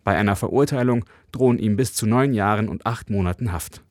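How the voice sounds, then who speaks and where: A male foreign correspondent reading a radio news report in a clear, measured way. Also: on the low side, dry recording, studio quality.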